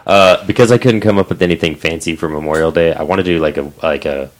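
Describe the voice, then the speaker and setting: Male podcast quizmaster, very low voice, loose casual banter. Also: fast talker.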